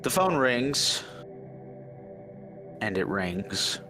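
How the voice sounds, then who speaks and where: A man narrating a tabletop horror game as game master, in a measured, descriptive way. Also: mid-range voice, sing-song, over music.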